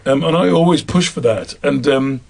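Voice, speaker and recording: Husky Midlands voice actor. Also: male voice, mid-range voice, moderate pace, a little mellow. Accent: Midlands English. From English Midlands. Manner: chatty and self-mocking. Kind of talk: interview answers.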